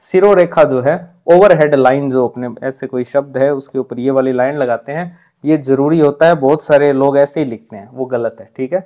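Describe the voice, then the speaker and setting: A man's voice: mid-range voice, moderate pace, dark tone. Man teaching spelling rules, repeating "ठीक है". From Rajasthan. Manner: repeats points with frequent "ठीक है" check-ins; drills correct pronunciations, contrasting right and wrong forms. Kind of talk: exam-prep grammar lesson.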